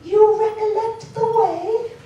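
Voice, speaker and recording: A woman playing an ageless, childlike Christmas spirit in a live radio drama, solemn and deliberate, with archaic phrasing, gentle yet commanding. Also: very high-pitched, steady tone, highs cut off. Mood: gently probing. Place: live community theatre stage. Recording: distant mic, very echoey live hall, slight noise.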